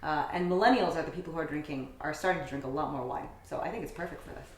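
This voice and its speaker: A young adult American woman, a guest in a casual interview, chats with upbeat enthusiasm. Her voice is deep and she races along, recorded in an echoey room.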